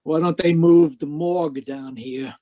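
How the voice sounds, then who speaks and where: In the style of a 1940s radio noir drama, a man with a somewhat high voice plays a cynical, hard-boiled private eye who delivers his wisecracks deadpan. The mood is sardonic, and he speaks in an unhurried, natural way.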